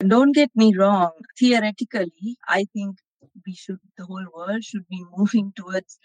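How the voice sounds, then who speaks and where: A woman's voice: mid-range voice, normal speed, darkish tone, dry recording, poor audio. A woman from Sri Lanka speaking as an interview guest, explaining her points thoughtfully and often checking in with "right?". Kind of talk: conversational interview.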